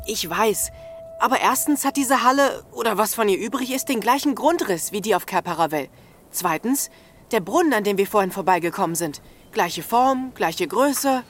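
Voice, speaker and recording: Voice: medium pitch, expressive, moderate pace, fairly bright tone, slight background noise, close to an everyday voice. An actor in a children's audio drama playing Peter, a decisive, reasoning eldest brother who explains things assertively. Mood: insistent.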